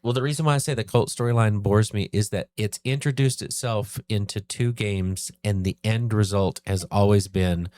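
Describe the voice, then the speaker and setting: A man co-hosting a casual game chat, talking slowly and deliberately, restating his points. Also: lowish voice, steady tone, a little mellow. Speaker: co-host. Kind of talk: casual chat about games.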